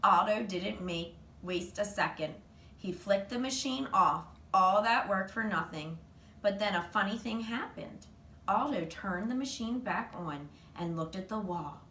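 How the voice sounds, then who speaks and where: Reading a children's book with lively, animated storytelling, this teacher has a bright, forward voice of medium pitch and a measured pace. The mic is a bit far from her, picking up room echo and some faint noise behind her.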